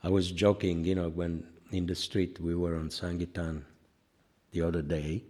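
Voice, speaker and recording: An older man speaks at normal speed in a low, mellow, level voice while giving an informal spiritual class on scripture. He rambles through anecdotes full of "you know" asides and pokes fun at himself, laughing at his own jokes.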